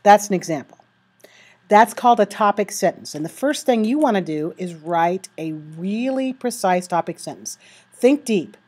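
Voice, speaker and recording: A woman teaching a recorded writing lesson into a computer mic, her voice sitting at an ordinary middle pitch. She has the hiccups and talks students through each step, slowing down to read out sample sentences. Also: expressive, a little mellow, slightly rough.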